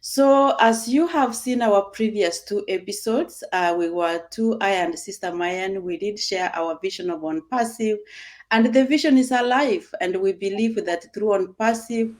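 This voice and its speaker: An earnest woman hosts a casual online conversation over a video call. She speaks with heartfelt, welcoming sincerity, pausing between phrases. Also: medium pitch, a little mellow. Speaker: host.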